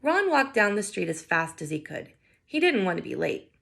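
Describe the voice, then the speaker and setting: Reading a children's picture book aloud at a moderate pace, a woman with strong vocal fry and a typical female pitch gives an expressive performance. Every so often she pauses to wonder aloud, much as a teacher would. There's a little background noise.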